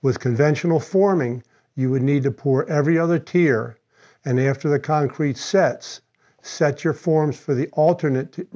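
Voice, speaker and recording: Older man giving a scripted product walkthrough. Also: fairly high pitch. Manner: steady, instructional delivery. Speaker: company spokesman. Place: studio against a dark backdrop. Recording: slightly dull lo-fi sound.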